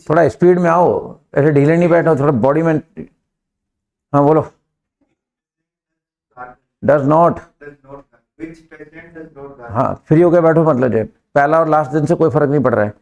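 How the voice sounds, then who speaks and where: A man with an Indian accent teaching a live English class, drilling students and pushing them to answer quickly. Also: on the high side, gravelly, a little mellow.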